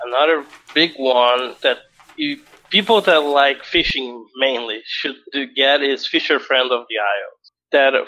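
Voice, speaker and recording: A man's voice: medium pitch, pushed and bright, muffled recording. A man co-hosting a casual gaming podcast, chatty and explanatory, laughing often. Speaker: podcast co-host.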